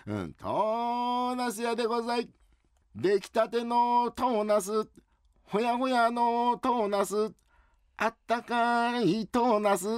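A man voicing a slow, simple-minded easygoing young man who drawls his words, in rakugo storytelling. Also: very high voice, wildly swooping pitch, clean tone, no room sound, studio quality, voice pushed up, exaggerated voice. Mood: chatty. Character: dim-witted easygoing young man, twenty.

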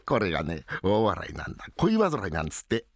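A man in a rakugo storytelling voicing a cheeky working-class tradesman who talks in a blunt, teasing, rough-spoken way. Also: sits low, huge pitch swings, moderate pace, no echo, clean studio sound, voice pushed down, exaggerated voice. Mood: brash.

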